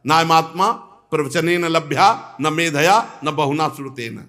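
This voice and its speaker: High voiced guy preaching a devotional talk, voice swings up and down. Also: unhurried, bright, forceful tone. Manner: storytelling with sudden rises and drops in pitch. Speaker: spiritual preacher. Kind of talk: devotional discourse.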